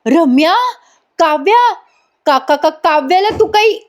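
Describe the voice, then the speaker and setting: A woman voicing a shrill, accusing old aunt. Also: fairly quick. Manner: shouting, stammering. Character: older aunt Vasu Aatya, shrill and accusing.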